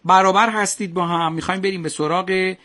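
A man's voice: sits high, steady tone, noisy background. A man hosting a radio quiz show, playful and teasing with the contestants.

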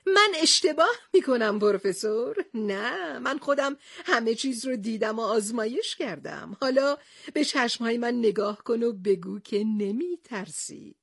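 Blustering storybook sea captain, loud and bossy, husky and swooping; a woman reader puts him on. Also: fairly high pitch, expressive, dry recording, clean studio sound. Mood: agitated. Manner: shouting, bossy outbursts. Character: hot-tempered blustering male sea captain, middle-aged.

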